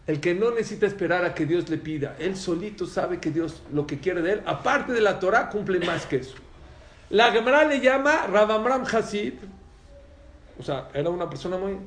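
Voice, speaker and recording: A man's voice: high-pitched, a bit bright, reverberant, slight background noise. A man teaching a religious lesson to a live audience, telling stories animatedly and questioning his listeners.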